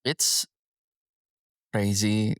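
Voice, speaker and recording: A lower-voiced man co-hosting a casual film podcast. He is chatty and quick to laugh, restarting his sentences as he goes. His voice sounds dry and close to the mic. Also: little pitch movement, smooth, no echo. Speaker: podcast co-host.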